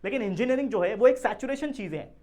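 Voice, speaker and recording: Fast-talking young man tutor giving advice. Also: high-pitched, animated, darkish tone. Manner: earnest, addresses students directly with frequent checks like "theek hai na". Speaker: online tutor. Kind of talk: direct-to-camera advice talk.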